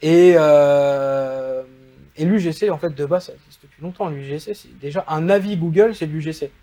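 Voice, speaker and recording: A man's voice: a little high, normal speed, mellow, soft background music. A man with a French accent, a guest in a casual interview, explaining at length with many fillers. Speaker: guest, e-commerce agency founder.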